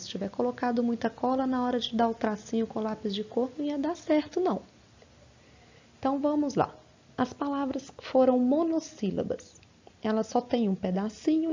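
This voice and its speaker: A woman teaches young children in a recorded lesson, breaking words into syllables with slow, patient care. Her voice sits a little high with a husky edge. The recording sounds dull and lo-fi, like a home setup. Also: dark tone.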